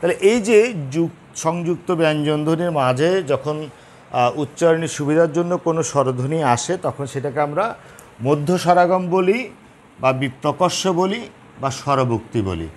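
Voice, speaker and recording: A man's voice: fairly high pitch, expressive, moderate pace, slight background noise. A man teaching a grammar lesson at a board, spelling out each sound piece by piece.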